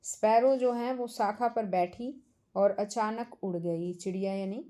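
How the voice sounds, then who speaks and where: A woman teacher with an Indian English accent explaining a poem lesson to children, reading English lines slowly and then explaining them. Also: mid-range voice, mellow.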